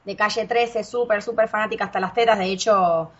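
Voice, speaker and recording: A woman from Argentina with an Argentine Spanish accent sprinkled with Puerto Rican words, chatting casually, swearing freely and telling animated stories. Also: mid-range voice, brisk, highs cut off. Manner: swears freely, animated storytelling with put-on voices. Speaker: guest. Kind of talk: casual chat.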